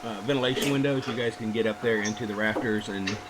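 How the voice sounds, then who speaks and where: A game master calmly sets the scene and calls for dice rolls in a relaxed, explaining way. His voice sits low, and a clear hiss runs under the recording. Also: quick pace. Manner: relaxed, instructive, with fillers. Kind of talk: narrating a tabletop game. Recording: noisy home mic.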